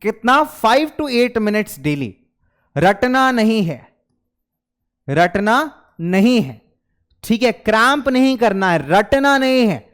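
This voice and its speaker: A young man gives study tips to schoolkids in a high, lifted voice. His tone is smooth and resonant. He coaxes them along and repeats each key point, slipping English phrases into his talk. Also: sing-song, a little slow, a bit bright. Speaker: teacher.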